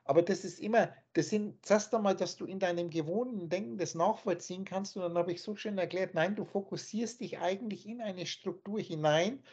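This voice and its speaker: A man's voice: high-pitched, a little fast, few pauses, darkish tone, slightly rough. A man teaching in an emphatic, scornful lecturing manner, speaking over a video call. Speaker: spiritual teacher. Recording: dull lo-fi online call audio.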